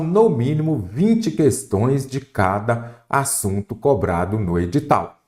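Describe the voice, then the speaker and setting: Lively Brazilian man teaching grammar. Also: medium pitch. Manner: animated explaining, stresses syllables and asks the viewer questions. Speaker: Portuguese teacher for exam prep. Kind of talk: exam-prep grammar lesson.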